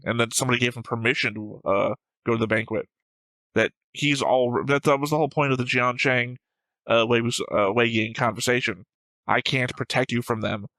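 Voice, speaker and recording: Here an anime reaction host with a very bright, forceful middle-pitched voice casually debates story theories, thinking out loud and swearing along the way. The recording is rough, close and dry, without any echo.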